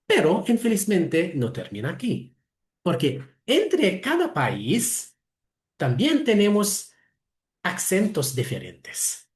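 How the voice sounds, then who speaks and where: A man with an Arabic accent, a native Arabic speaker, giving a lecture over a video call, slow and halting, correcting himself often. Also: high-pitched, huge pitch swings, reverberant. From Lebanon. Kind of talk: online talk, explaining.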